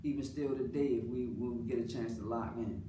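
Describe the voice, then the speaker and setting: An American father speaks off the cuff about his own life in a brisk, steady, mid-range voice. His casual, unscripted monologue is earnest and colloquial, and he repeats phrases for emphasis. The recording is roomy from a distant mic, with a clearly noisy background.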